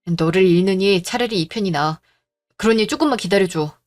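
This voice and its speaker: A woman voicing a gentle, devoted young man who pleads softly, in a storybook drama reading. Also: medium pitch, moderate pace, soft background music, close to an everyday voice. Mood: pleading. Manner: pleading, soft-spoken.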